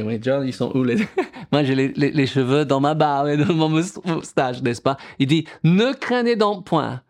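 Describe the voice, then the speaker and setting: A man's voice: medium pitch, vocal fry, darkish tone. A middle-aged male pastor preaching a sermon, quoting scripture and asking the congregation questions.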